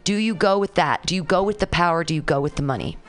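A woman in her forties co-hosting a casual talk show, frank and crude, with a slightly low voice. Faint music plays under the talk. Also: fast talker. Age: 40s. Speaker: podcast co-host. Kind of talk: casual chat.

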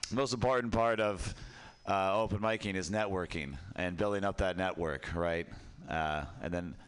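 Low smooth voiced guy, lots of ums, giving comedy notes. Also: fairly even intonation. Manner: halting, filler-heavy, wry. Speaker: fellow comic giving feedback. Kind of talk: casual feedback chat.

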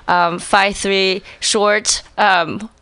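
A woman's voice: mid-range voice, steady tone, drawn-out words, bright, forceful tone, smooth, no echo. A woman in her thirties from China, a native Chinese speaker, talking hesitantly with many fillers as a guest on a radio show. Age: 30s. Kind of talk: casual radio chat.

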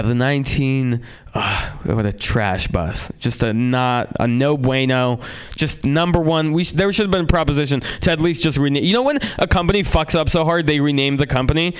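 A man doing a rambling, profane stand-up comedy set on a club stage, swinging between loud outbursts and low mutters. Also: normal speed, smooth. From San Francisco, USA.

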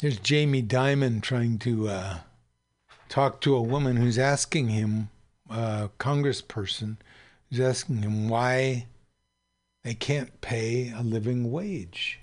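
Slow-talking male radio host. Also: mid-range voice. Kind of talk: radio commentary, reading articles aloud.

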